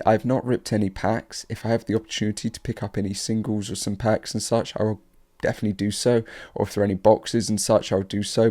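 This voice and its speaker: A man's voice: lowish voice, creaky, warm tone. A man who is sick, hosting a card market channel and rambling casually through his commentary with lots of fillers.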